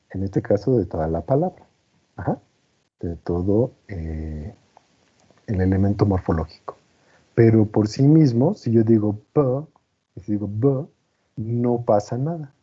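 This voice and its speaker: A man's voice: on the low side, breathy edge. A man teaching a class, explaining patiently and often checking that students follow. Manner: patient, checks understanding with frequent "¿no?" and "¿vale?". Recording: muffled lo-fi recording.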